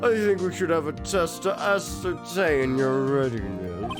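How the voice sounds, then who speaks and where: A man voicing a stern elderly male judge in a video game, using a slow, solemn old-man voice. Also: a little high, close to an everyday voice. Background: game music.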